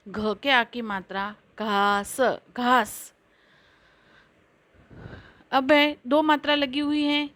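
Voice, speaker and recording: A woman teacher giving a basic alphabet lesson, reciting letters and words one at a time with careful, drawn-out pronunciation. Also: fairly high pitch, a bit bright, dry recording. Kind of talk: slow Hindi alphabet lesson.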